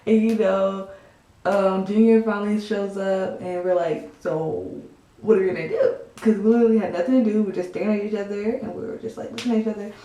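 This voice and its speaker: A woman's voice: mid-range voice, steady tone, fast talker, dark tone. A young woman casually telling a rambling story to the camera, full of fillers. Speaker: storytime vlogger. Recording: echoey room.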